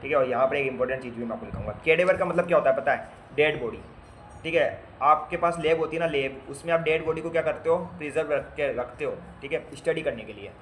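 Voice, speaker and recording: A man's voice: fairly high pitch, quick pace, fairly bright tone, a little hiss or hum. A man teaching basic medical terms to nursing students in a casual lecture, spelling out word parts, repeating them and quizzing his students with playful asides. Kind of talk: classroom lecture.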